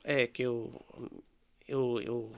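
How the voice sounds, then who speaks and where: Slow, hesitant Canadian man. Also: medium pitch, little pitch movement, gravelly, darkish tone, clean tone. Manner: hesitant, many fillers and restarts in a second language. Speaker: musician guest.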